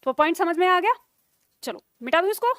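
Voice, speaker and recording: A woman teacher giving a grammar lesson, dictating example sentences slowly word by word and often checking whether her class has understood. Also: very high voice, expressive, fairly bright tone, dry recording, clean studio sound. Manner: slow dictation with repeated words, checking questions.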